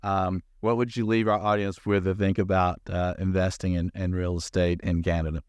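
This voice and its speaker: A man hosts a commercial real estate podcast and puts friendly, playful questions to his guests. His voice sits very low. The sound is dry and close. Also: flat delivery, moderate pace, a little mellow, dry recording. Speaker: podcast host. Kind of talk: interview hosting.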